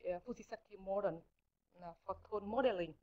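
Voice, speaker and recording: A woman's voice: medium pitch, a little mellow. Hesitant Vietnamese-accented woman researcher. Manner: hesitant, halting, often restarting to search for words. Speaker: visiting researcher presenting. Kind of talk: answering audience questions after a talk. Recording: muffled lecture recording.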